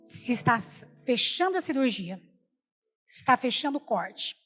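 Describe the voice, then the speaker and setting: A woman's voice: on the high side, big pitch swings, unhurried, a bit bright, in a large hall, soft background music. A woman preacher giving an emotional personal testimony in a sermon, retelling the story with many repeated quotes, speaking Brazilian Portuguese. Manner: storytelling, repeats "falei assim".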